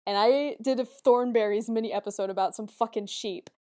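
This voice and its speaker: A young woman co-hosting a podcast, laughing easily and telling stories that trail off quietly. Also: a little high, a little fast. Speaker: podcast co-host. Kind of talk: casual chat.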